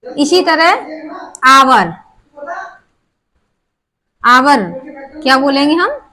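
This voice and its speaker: High-voiced woman teaching pronunciation. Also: extremely slow, pushed and bright. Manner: asks questions and answers them herself; spells words out letter by letter. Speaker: English teacher. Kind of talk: explaining pronunciation rules.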